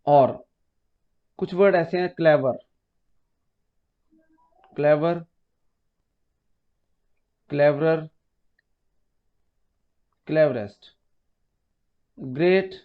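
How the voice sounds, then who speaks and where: A man's voice: on the high side, drawn-out words, long pauses. A man teaching an exam-prep grammar lesson, patiently explaining step by step, repeating key terms and calling students "beta.". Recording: muffled lo-fi recording.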